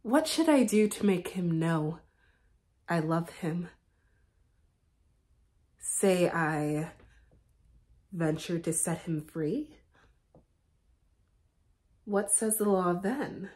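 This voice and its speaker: A lovesick young maiden from a classical stage comedy, acted by a young woman. Her delivery is theatrical and slow, with dramatic pauses. Her pitch swings widely as she swells and softens. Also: expressive. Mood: pining, unsure. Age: young adult. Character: lovesick young jailer's daughter in a classical play. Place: indoor studio with plain backdrop.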